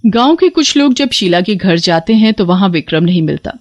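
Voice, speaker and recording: A woman narrating an animated horror story in a steady, even storytelling manner. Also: mid-range voice, fairly quick, dry recording, muffled recording. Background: faint music.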